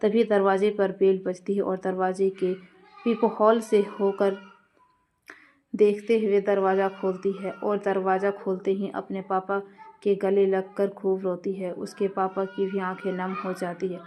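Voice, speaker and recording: A woman narrating an emotional story in a steady, scripted reading. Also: medium pitch, unhurried, slight background noise.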